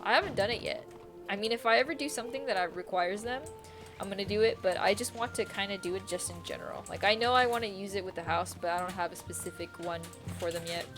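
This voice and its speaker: A young woman talks her way through a game stream in a loose, rambling way, giggling often and swearing now and then. Her voice sits at an ordinary middle pitch, and faint music plays behind her. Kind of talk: casual game stream chat.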